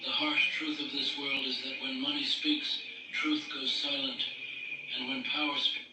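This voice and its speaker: A man delivering a scripted monologue in a measured, solemn, declarative way. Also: mid-range voice, little pitch movement. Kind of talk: scripted monologue on power and truth. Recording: echoey, distant, noisy playback.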